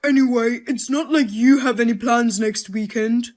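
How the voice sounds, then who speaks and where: A woman's voice: a little high, moderate pace, a little mellow, natural voice. A woman voicing a snappish, defensive husband. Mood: irritated. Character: idle, touchy husband, man, thirties.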